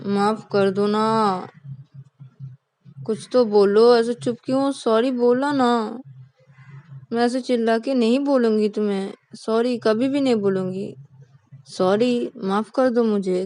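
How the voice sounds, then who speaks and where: A woman's voice: on the high side, slow, long pauses, warm tone. A woman voicing a young woman who begs for forgiveness and then playfully teases her partner in a spoken love story. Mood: pleading. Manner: pleading, teasing.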